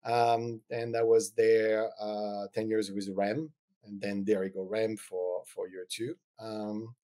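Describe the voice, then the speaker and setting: A middle-aged French eyewear designer with a French accent is a guest on a podcast, chatting casually in an interview. His lowish, mellow voice has little pitch movement and a slow pace, and he rambles hesitantly with many ums.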